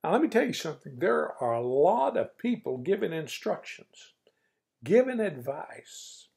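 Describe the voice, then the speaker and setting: Husky older man preaching folksy devotions. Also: on the high side, big pitch swings, unhurried, darkish tone. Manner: folksy, coach-like exhortation, rising to stern emphasis. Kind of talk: morning devotional talk.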